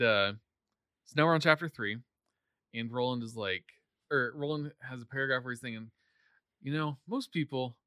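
A man's voice: medium pitch, sharp tone, clear, resonant tone, dry recording, studio quality. A man co-hosting a casual chat about a novel, rambling with lots of fillers and restarts. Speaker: podcast co-host discussing a novel.

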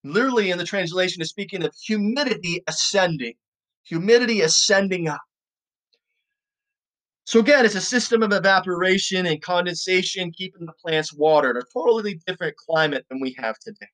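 A man with a slightly raised speaking voice teaches scripture on a podcast. He reads the verses slowly and deliberately, then explains them in a conversational way, often pausing to check in with his listeners. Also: high-pitched, fairly bright tone. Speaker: Bible teacher.

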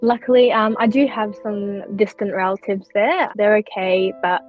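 With faint music behind her, a scholarship recipient who grew up partly in Turkey talks earnestly and chattily in a candid podcast interview, leaning on "like" and "you know." Her medium-pitched voice has fairly even intonation and a moderate pace, and the lo-fi sound is slightly dull.

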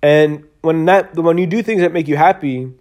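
Tired and yawning, this podcast host rambles earnestly through a casual solo monologue, with many fillers and restarts. His voice is fairly high-pitched yet darkish, at a normal speed.

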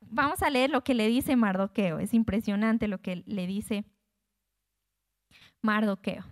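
A woman's voice: medium pitch, measured pace, no echo, studio quality. A woman giving an informal Bible teaching, reading passages and retelling them in her own conversational words.

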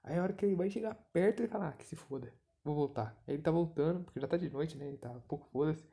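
A man's voice: fairly high pitch, very fast, mellow. A man with a Brazilian Portuguese accent casually retelling a movie plot, rambling, slangy and swearing freely. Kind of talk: casual profane movie recap.

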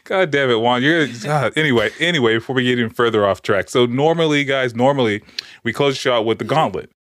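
A man's voice: mid-range voice, fast, dry recording. A man hosting a podcast, telling rambling stories in casual, profane banter. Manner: rambling, animated storytelling with frequent swearing. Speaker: podcast host.

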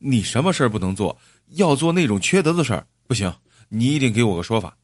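A man's voice: on the low side, animated, fairly quick, no room sound, studio quality. A man playing a short-tempered, indignant office worker. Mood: angry. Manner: indignant, demanding.

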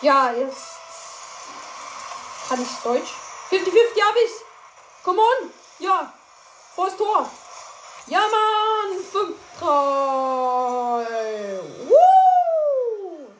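A high-voiced woman commentating her own gameplay, excitable and quick to shout at every goal or miss. Her voice bounces around an echoey room. A clear layer of background noise runs underneath. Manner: excitable, shouts and cries out at plays, chatty asides to listeners. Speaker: gaming streamer.

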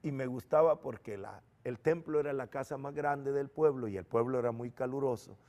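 A middle-aged man, a preacher, telling his personal testimony in an earnest, animated storytelling manner. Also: medium pitch, normal speed.

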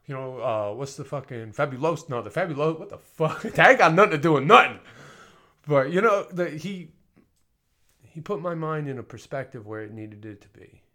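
A man talking in a casual personal monologue as a podcast host, often swearing and full of fillers, dropping to soft mumbles and then rising to loud emphatic bursts. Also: fairly high pitch, expressive, a little fast. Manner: frequent swearing and filler talk.

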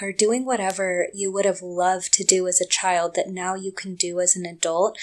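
Soft-spoken woman with a flat, even voice. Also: medium pitch. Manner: soft, reassuring, speaks straight to the listener. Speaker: self-help speaker. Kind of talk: gentle talk on emotional healing.

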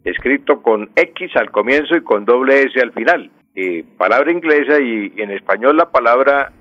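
A man, a language expert on a radio show, patiently explaining words and repeating them slowly. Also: medium pitch, lively intonation, dry recording. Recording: dull lo-fi radio line.

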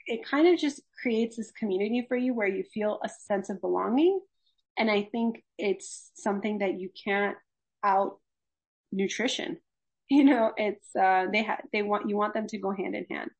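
This is a young adult woman, a gerontology faculty member from Los Angeles, speaking earnestly about health principles during a conversational interview. Her pitch is medium, her pace moderate, and her voice slightly rough.

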